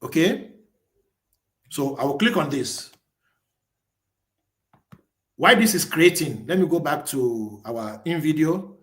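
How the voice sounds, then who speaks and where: A man's voice: fairly high pitch, animated, slow pace, pauses often, a bit bright. A man presenting a webinar as a live screen-share tutorial, thinking aloud as he types, restarting and correcting himself.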